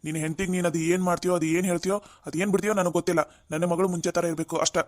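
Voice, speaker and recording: A man's voice: high-pitched, flat delivery, rapid-fire, close to an everyday voice. A man doing a stern lecturing cartoon father. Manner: blaming, lecturing. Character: stern middle-aged father, head of a well-off family. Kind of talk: cartoon family drama voice acting.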